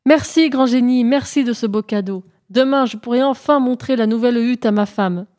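A woman's voice: a little high, moderate pace, darkish tone, close to an everyday voice. A woman voicing a cunning, boastful male hare from a storybook who whines and gives orders. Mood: cheerful. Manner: lamenting, then bossy and sly.

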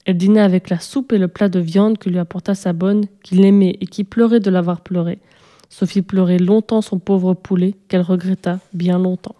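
Mellow woman reading a children's story. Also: lowish voice, moderate pace. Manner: steady, even storytelling. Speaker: narrator.

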